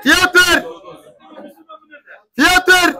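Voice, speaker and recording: A young man, working as a pigeon auctioneer. He calls out bids over and over, pleads for quiet, and his throat is strained from shouting. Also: extremely high pitch, fairly even intonation, extremely slow, a faint crowd. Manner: loud, repetitive price calling, pleading for quiet. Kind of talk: calling bids at a live auction.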